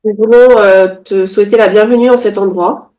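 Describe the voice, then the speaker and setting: Over a rough recording, a woman with a steady, dark, mid-range voice gives consecutive French interpretation of a sermon. She restates each phrase quickly and sometimes corrects herself mid-sentence.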